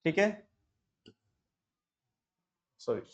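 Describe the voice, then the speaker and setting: A man teaching Hindi grammar, slowly dictating words and repeating each one as a question and answer. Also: muffled recording. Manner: repetitive, asks and answers himself, slow dictation. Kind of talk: classroom lesson dictating words.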